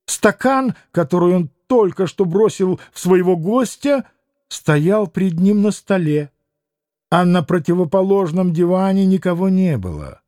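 A man narrating a literary audiobook in a measured, expressive reading style. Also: high voice, dry recording, clean studio sound.

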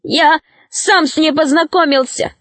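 A tearful little male gnome pleads in a high, shaky voice, voiced by a woman. The sound is close and dry, with no room around it. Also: a little slow, a bit bright, dry recording. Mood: defiant. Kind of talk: audiobook character voice.

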